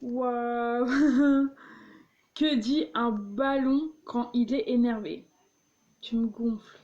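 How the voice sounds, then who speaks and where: A woman's voice: on the high side, steady tone, drawn-out words, darkish tone, highs cut off. A young woman reading jokes aloud and explaining them, giggling often and tripping over her words. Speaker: vlogger.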